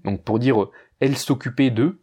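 A man teaching pronunciation in a relaxed, informal way, talking straight to a single learner. He repeats each example sound again and again, slowing down to draw it out. His voice sits at an ordinary male pitch. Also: husky. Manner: patient, repeats example sounds slowly and often; addresses the learner informally and directly. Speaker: Russian language teacher.

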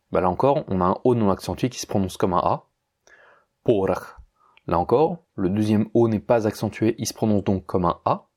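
A man with a low, slightly husky voice and a dark, mellow tone. He teaches a lesson in a patient, explanatory way, restating points and circling back to make them clear. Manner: patient, repeats and rephrases as he explains. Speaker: language teacher.

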